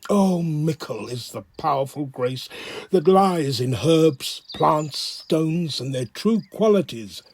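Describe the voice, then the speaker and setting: A man acting a contemplative friar and herbalist in a Shakespearean audio drama, measured and reflective in his verse, recorded at home on a phone. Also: on the high side, lively intonation, darkish tone, heavily acted. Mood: musing.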